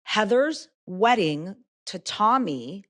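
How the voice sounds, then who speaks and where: A woman hosts a relaxed interview and tosses out curious, chatty questions sprinkled with "like". Her voice sits at an ordinary middle pitch. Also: takes it slowly. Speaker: podcast host. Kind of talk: casual interview chat.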